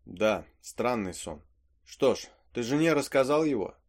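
A man's voice: medium pitch, animated, a little slow. A man reading aloud as a skeptical country landowner who speaks in a dry, dismissive way. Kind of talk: audiobook reading of a play.

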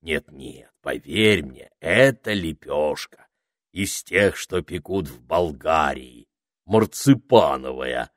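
A man voicing a huge, kindly creature who is hard of hearing and talks slowly in a pompous, fussy way. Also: a bass voice, animated, no echo, clean studio sound, full character voice.

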